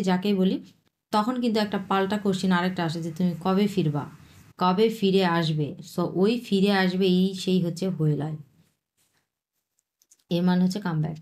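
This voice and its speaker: A woman teaching a Chinese lesson, patiently repeating words slowly and explaining their tones. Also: mid-range voice, darkish tone. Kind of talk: language lesson explaining vocabulary.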